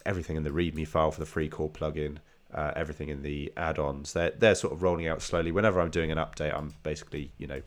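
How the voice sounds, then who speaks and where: A man with a very low-pitched voice that sounds nasal and congested with a slight cold. He talks casually, as the host of a podcast. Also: level tone, quick pace, few pauses. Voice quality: nasal, stuffed-up voice.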